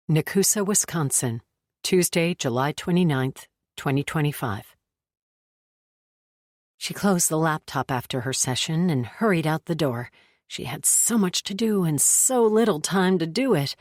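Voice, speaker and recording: A woman narrating a thriller audiobook in a measured, even way. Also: deep voice, dry recording, studio quality. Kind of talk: scripted narration.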